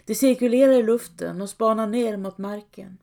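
Woman narrating a dark folk tale. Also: fairly high pitch, vocal fry. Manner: measured, dramatic reading. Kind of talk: scripted storytelling narration.

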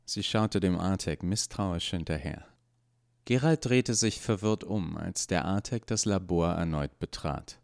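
Low-voiced man narrating a novel. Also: a little slow, gravelly, darkish tone. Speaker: audiobook narrator. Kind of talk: scripted narration.

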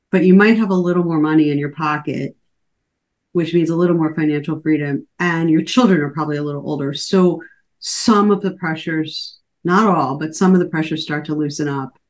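A woman author in her forties talking casually as a podcast guest, chatty, with lots of fillers and restarts. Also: low voice. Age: 40s. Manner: conversational, many fillers and restarts.

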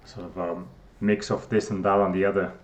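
A middle-aged Finnish man with a Finnish accent speaks in a low voice with little pitch movement and a brisk pace. He's a guest scientist in a casual interview, talking hesitantly with lots of fillers and restarts.

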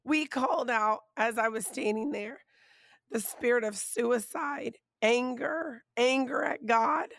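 A woman delivers a heartfelt faith monologue in a close, dry recording. Her voice is hoarse and raspy, fraying toward a whisper. She speaks slowly and emphatically, pausing and repeating phrases for weight. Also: a little high, no echo. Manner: emphatic, halting, with repeated phrases and drawn-out pauses. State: hoarse, voice nearly gone. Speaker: podcast host and preacher.

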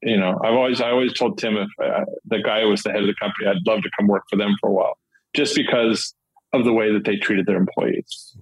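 A man's voice: on the low side, fairly even intonation, fast, husky, no room sound, rough recording. A middle-aged man, a guest in a casual interview, telling stories about his real estate deals in a rambling way full of restarts and fillers.

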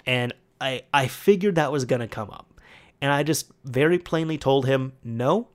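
A man's voice: mid-range voice, moderate pace. A man casually telling a long story about a bad car repair, often restarting words and quoting both sides of a phone call. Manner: rambling, repeats words, quotes people in a conversational retelling.

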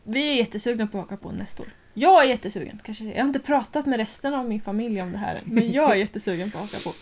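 Woman, 30s, slightly high pitch; animated, profane co-host in loose casual chat. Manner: animated, swears freely, laughs often.

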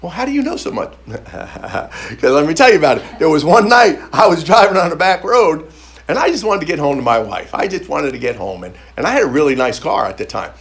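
Male preacher, lively storyteller, higher voice, repeats lines, stammers into restarts. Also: fairly quick. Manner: animated, repeats phrases for emphasis. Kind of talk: storytelling sermon.

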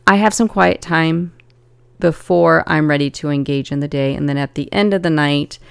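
Gravelly-voiced woman, earnest podcast co-host. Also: low-pitched, normal speed, no room sound. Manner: earnest, reflective, laughs easily. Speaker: podcast co-host and family coach. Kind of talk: casual podcast chat.

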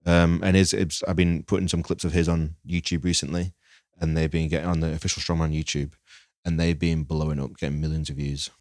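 A man's voice: very deep voice, little pitch movement, fairly quick, darkish tone, no echo, studio quality. An English man, a videographer guest, chatting casually and rambling on a podcast, swearing now and then. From England.

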